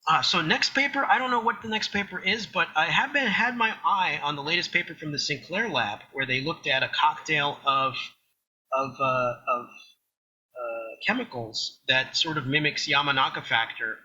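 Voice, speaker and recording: A man's voice: on the high side, moderate pace, sharp tone, muffled recording. A man presenting at a science journal club, talking casually with frequent restarts. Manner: rambling, many restarts.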